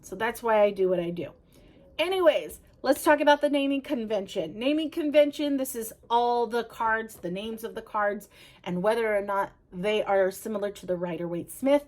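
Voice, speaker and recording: A woman's voice: on the high side, normal speed, darkish tone. Woman deck reviewer, casual and conversational, addresses viewers directly. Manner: chatty, self-correcting, talks to viewers directly. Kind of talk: casual review and flip-through.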